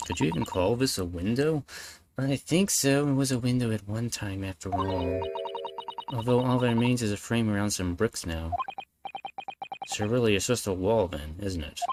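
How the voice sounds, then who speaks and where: A man's voice: lowish voice, normal speed, background noise. A man playing a video game, casually commenting and reading its dialogue aloud. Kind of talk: casual let's play with dialogue read-aloud.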